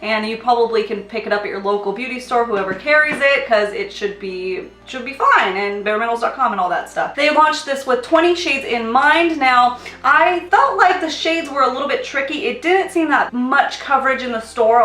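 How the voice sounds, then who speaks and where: Sounding nasal and slightly under the weather, a young woman chats upbeat about makeup in a casual vlog, tossing out sing-song catchphrases as a beauty vlogger. Her fairly high, fairly bright voice runs at a moderate pace with few pauses, recorded in an echoey, small indoor space.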